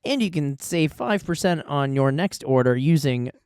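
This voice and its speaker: A man's voice: fairly high pitch, expressive, normal speed, darkish tone, clean tone, no room sound, clean studio sound. A man co-hosting a casual podcast, reading sponsor spots and laughing easily. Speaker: podcast co-host.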